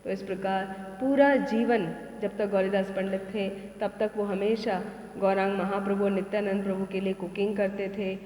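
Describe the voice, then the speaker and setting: A woman teacher tells devotional stories in a storytelling lilt. She often poses a question and answers it herself, at a medium pitch. The sound is roomy, with a long hall reverb. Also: moderate pace. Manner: asks rhetorical questions and answers them, with a lively storytelling lilt.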